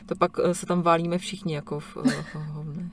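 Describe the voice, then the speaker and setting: A woman's voice: flat delivery, far from the mic. A woman co-hosting a parenting podcast, chatting casually and laughing often. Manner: chatty, laughs often, mimics her child in a high voice. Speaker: podcast co-host. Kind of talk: casual chat about parenting.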